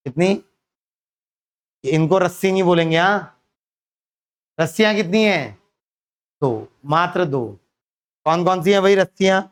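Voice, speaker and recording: Man teaching physics with a high, smooth voice. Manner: asks students questions and answers them himself, calls them beta. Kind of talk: classroom lecture.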